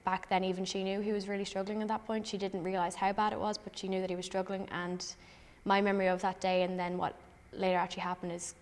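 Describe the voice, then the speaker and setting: A woman's voice: mid-range voice, flat delivery, quick pace, few pauses, big-room sound. A twenty-year-old woman speaking reflectively and composedly in a documentary interview. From Ireland.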